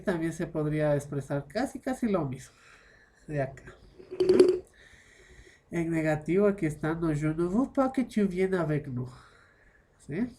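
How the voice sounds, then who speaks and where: A man's voice: fairly high pitch, darkish tone. A man teaching French grammar as a lesson, explaining in one language and switching into French for examples, constantly checking with short tag questions. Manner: checks understanding with constant "¿ya?" and "¿no?" tags.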